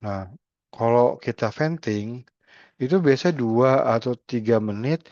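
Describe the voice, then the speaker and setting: Brief: male trainer, mid-pitched, chatty explanatory delivery, dull and dry recording. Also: a little slow, a little mellow, no echo. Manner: conversational, acts out example dialogues. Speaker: speaker at a health communication forum.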